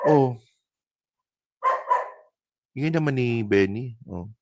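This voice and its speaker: A man's voice: medium pitch, very slow, mellow, no room sound. A man giving mocking reaction commentary on news clips, heated and insulting, rambling with restarts and speaking straight to his viewers. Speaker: political commentary vlogger.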